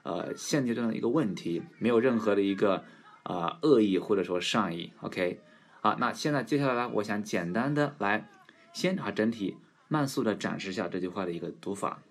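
Male pronunciation teacher, relaxed lesson, slow drawn-out example words, low voice. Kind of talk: casual English pronunciation lesson.

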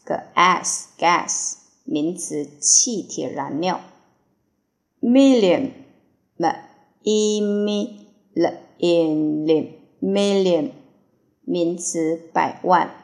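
Slow, gravelly-voiced woman reading vocabulary drills. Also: fairly low pitch. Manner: spells and repeats each English word slowly, then gives Chinese meanings. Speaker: English teacher. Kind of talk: word-by-word vocabulary dictation.

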